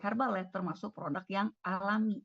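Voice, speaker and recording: A woman's voice: mid-range voice, steady tone, normal speed, vocal fry, fairly bright tone, no echo. A woman doctor with an Indonesian accent telling a story on a video call and acting out the dialogue. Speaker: doctor giving a talk. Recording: dull lo-fi video call audio.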